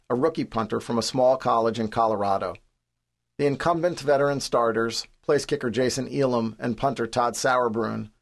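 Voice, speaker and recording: A man in his forties from the New York City area reads his own memoir in a studio, with a mid-pitched voice. His delivery is wry and understated, poking fun at himself. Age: 40s. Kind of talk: scripted audiobook narration.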